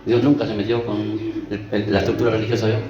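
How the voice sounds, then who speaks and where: A man's voice: lowish voice, flat delivery, quick pace, dull audio. A man, preaching a conversational sermon and checking in with the congregation as he goes. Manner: conversational, keeps asking the congregation "¿vio?" and "¿sí?". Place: church. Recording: echoey church with music behind.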